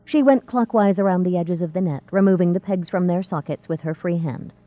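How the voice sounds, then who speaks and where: A woman narrates a novel in a steady, measured way, her voice sitting on the low side. The sound is thin and phone-like, completely dry with no room. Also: no room sound. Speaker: audiobook narrator. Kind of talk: scripted narration.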